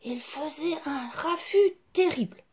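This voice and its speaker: A woman storyteller reading a children's story aloud in an unhurried, expressive way. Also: high-pitched.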